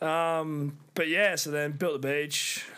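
A man's voice: on the high side, slow pace, clear, resonant tone. A young Australian man co-hosting a podcast, telling a long story in casual chat, swearing often and packing in fillers. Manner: sweary, animated anecdote-telling with lots of fillers. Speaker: podcast co-host.

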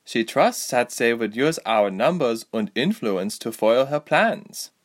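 A man's voice: mid-range voice, sing-song, unhurried. A man reading aloud, voicing a formal, aloof mermaid royal who answers stiffly. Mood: formal, haughty. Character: cold, formal mermaid princess, haughty.

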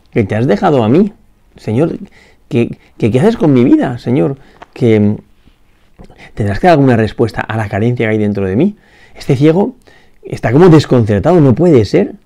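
A priest giving a spoken gospel meditation, reflective, pausing often with little questions to the listener. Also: male voice, medium pitch, warm tone. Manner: reflective, with frequent "¿no?" tags and restarts.

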